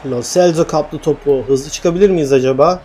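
Excitable high-voiced man commentating a football game. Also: normal speed, a little hiss or hum. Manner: swings from calm narration to shouting at missed chances. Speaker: gaming YouTuber commentating his own match. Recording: faint game music behind.

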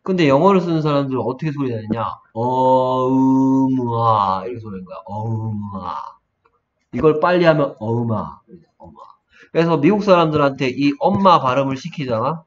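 A man tutoring English pronunciation one-on-one, saying sounds slowly and then faster, and asking the student to repeat them. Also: a little high, lively intonation. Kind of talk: one-on-one phonics lesson. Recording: dull, lo-fi sound.

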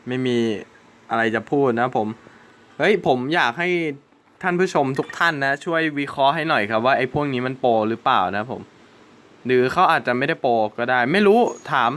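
A man's voice: medium pitch, fairly bright tone. A young man hosting his gaming channel, chatting casually through gameplay and swearing and exclaiming at the game.

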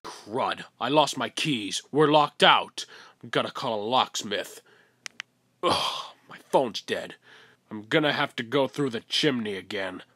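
A man's voice: mid-range voice, lively intonation, measured pace, pushed and bright, a little hiss or hum. A man playing a short-tempered cartoon everyman, sardonic and long-suffering. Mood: exasperated.

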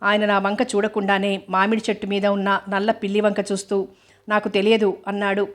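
A woman reading a novel aloud as an audiobook narrator, in a steady, even storytelling read. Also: medium pitch, fairly quick.

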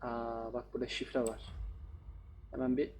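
Gravelly man joking through a horror game. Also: mid-range voice, flat delivery, unhurried, a little mellow, slight background noise. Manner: joking, talks back to game characters. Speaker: gaming YouTuber. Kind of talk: casual horror game commentary.

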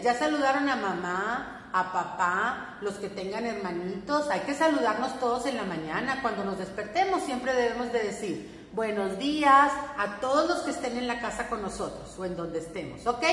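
A woman with a Mexican accent teaching preschoolers, singing and talking to them in an animated sing-song way. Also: mid-range voice, normal speed, a little hiss or hum. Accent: Mexican Spanish. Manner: animated sing-song, speaking to small children. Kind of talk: singing lesson for young children. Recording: echoey room, long reverb, faint ambience.

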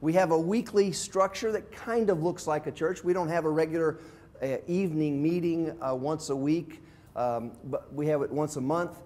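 Wearing a lapel mic in a classroom equipped with a whiteboard and screen, a roughly sixty-year-old pastor from abroad, visiting South Africa, teaches a group in a casual, plain way, walking through ideas step by step. He speaks slightly high at a moderate pace with a touch of mellowness.

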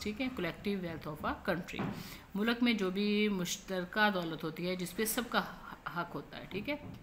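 A woman teacher going through a textbook lesson, repeating each point patiently and reading the English examples slowly. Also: on the low side, noisy background.

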